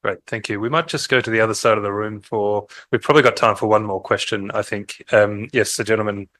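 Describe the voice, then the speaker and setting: A man moderating a panel, briskly and politely passing the floor to speakers. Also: on the low side, fairly even intonation, a bit bright, no room sound. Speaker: session facilitator.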